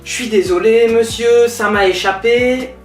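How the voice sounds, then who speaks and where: A squeaky apologetic housemaid , as a man puts her on. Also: measured pace. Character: female Spanish-accented cleaning maid. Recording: roomy, distant mic, faint music.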